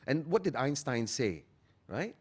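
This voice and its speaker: A man, talking earnestly as a guest and slowing down to stress his key phrases. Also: medium pitch, sing-song, a little mellow. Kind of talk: motivational interview talk.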